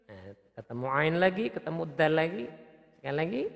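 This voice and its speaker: A man teaching Quran recitation step by step, patiently repeating sounds and chanting verses in a slow, drawn-out melodic tone. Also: fairly high pitch, big pitch swings, gravelly, in a large hall.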